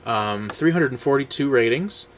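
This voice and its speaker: A man talks casually about books on his channel, with a voice in the middle of the usual pitch range. He rambles, fills gaps with ums, and lets his sentences trail off softly. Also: lively intonation, moderate pace, slight background noise. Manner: rambling and conversational, lots of ums, trails off quietly. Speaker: book vlogger. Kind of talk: casual book review chat, reading blurbs aloud.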